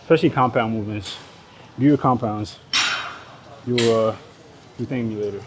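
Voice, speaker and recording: In a lowish voice at normal speed, a Nigerian man talks casually to the camera while working out, English being his second language and his accent Nigerian. He's a fitness vlogger whose chat is slangy, joking and sometimes profane, recorded on a clip-on body mic in a busy indoor gym where the chatter behind makes the background noisy.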